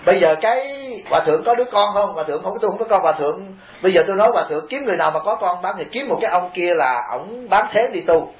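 High-voiced man preaching in a roomy hall. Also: rapid-fire, few pauses. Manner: lively, addresses listeners directly with rhetorical questions. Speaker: Buddhist monk giving a dharma talk. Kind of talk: storytelling sermon. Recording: roomy, dull lo-fi recording with faint hiss.

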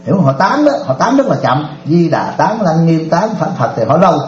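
A man's voice: fairly high pitch, fairly quick, reverberant, dull audio, slight background noise. A Buddhist monk, animatedly telling stories in a dharma talk and often laughing with his audience. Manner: animated storyteller, often laughing, addresses listeners directly.

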